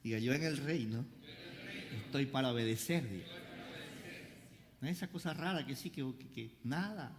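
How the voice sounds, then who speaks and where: A pastor preaching a sermon, having the congregation repeat lines after him, with playful joking asides. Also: male voice, medium pitch, normal speed, long pauses, a crowd in the background. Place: church service. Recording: reverberant church hall.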